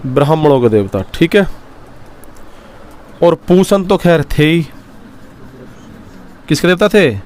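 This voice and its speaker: A male teacher delivers a history lecture as dictation, slowly repeating phrases so students can write them down and warmly calling them children. His voice is on the high side and expressive, with a little hiss or hum in the audio.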